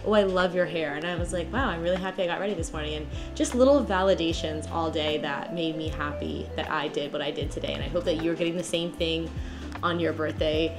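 Over music, a woman in her late twenties talks fairly quickly in a deep voice, filming a relaxed, reflective vlog indoors at home. She leans heavily on "like" as a filler.

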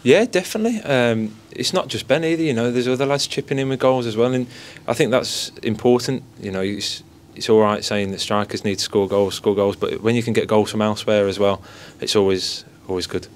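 A soft-spoken young male goalkeeper with a low voice speaks briskly with few pauses in a post-match interview. He's modest and repeats stock phrases as several handheld mics and phones are held close to him in an indoor press area by a sponsor board. Slight background noise is present.

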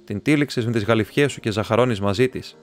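A man's voice: fairly low pitch, faint music behind, close to an everyday voice. A man reading the part of a giggly, cheeky young female servant who teases the others. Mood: teasing.

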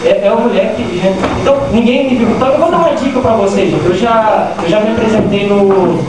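A young man with a Rio de Janeiro Brazilian accent, pronouncing s as a soft sh at syllable ends, doing casual, slangy stand-up comedy through a handheld mic. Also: high-pitched, a little fast. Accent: Brazilian, Rio de Janeiro area. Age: young adult. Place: small restaurant room with seated audience, indoors. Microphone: handheld mic through a speaker, filmed from audience. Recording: echoey room PA, distant noisy phone recording.

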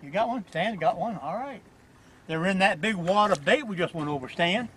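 A man's voice: sits high, animated, normal speed, a bit bright, a little hiss or hum, poor audio. An older man hosting a fishing show from a boat on a lake, talking in a folksy, chatty, teasing way. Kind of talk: casual outdoor show commentary.

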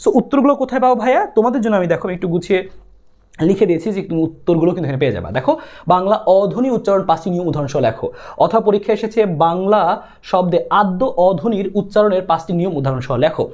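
A young man with a Bangladeshi Bengali accent, teaching an exam-prep grammar lesson in a quick, insistent way that keeps repeating the key points. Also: high voice, lively intonation, a little mellow. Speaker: tutor.

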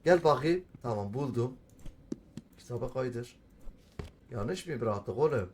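A man's voice: medium pitch, animated, measured pace, a little hiss or hum. Bir oyunu oynarken bulmacaları kendi kendine çözen, zaman zaman heyecanla bağıran bir adam; oyun yorumu yapıyor. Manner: talks to himself while solving puzzles, bursts into shouting. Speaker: gamer. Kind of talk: let's play commentary.

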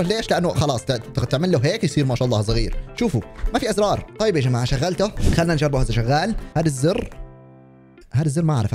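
A man giving excited commentary on his gameplay, laughing and yelling at the game as he plays. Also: on the high side. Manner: animated, laughing, shouting at the game. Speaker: gaming YouTuber.

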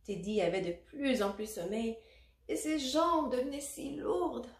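A woman reading a children's picture book aloud, expressive and adding little asides for children. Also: a little high, a little slow. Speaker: storybook reader. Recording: roomy echo.

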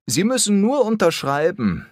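Male reader doing a hasty, persuasive storybook businessman; lively delivery, dry close recording. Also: high-pitched, normal speed, dry recording, voice pushed up. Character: pushy middle-aged male businessman in a hurry.

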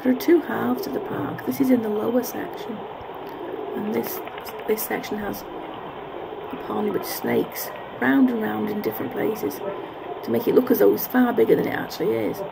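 A woman vlogger gives a casual, thoughtful narration of her park walk, fixing her words mid-stream. She speaks a little high with fairly even intonation at a moderate pace, recorded outdoors on a handheld camera's built-in mic with clear park sounds behind her.

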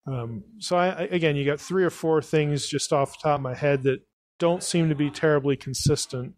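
A man's voice: on the high side, fairly quick. A podcast host answering an audience question at a live event. He thinks aloud, often restarts, and keeps saying "again" and "you know".

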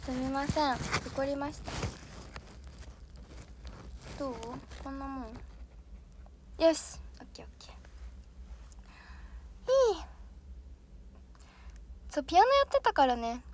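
A woman's voice: high voice, lively intonation, measured pace, long pauses. A young woman, an idol trainee, chatting casually and bubbly with viewers on a livestream, laughing often. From Japan.

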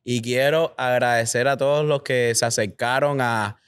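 A man, co-hosting a podcast and telling stories in lively casual chat, mimicking relatives' voices. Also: medium pitch, normal speed, smooth. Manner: animated storyteller, mimics relatives in a raised voice. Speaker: podcast co-host.

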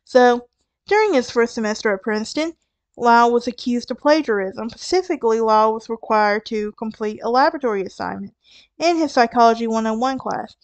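Woman, Southern US accent, true crime podcast host, fairly high voice, chatty asides, close dry mic. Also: fairly quick, dry recording. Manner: conversational, with asides and restarts.

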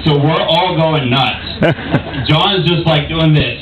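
A man's voice: a little high, slow, highs cut off. A young man telling a joking story as a wedding toast, speaking into a handheld mic through speakers in a large party tent. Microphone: handheld mic through speakers, far camera. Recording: echoey, distant, noisy camcorder audio.

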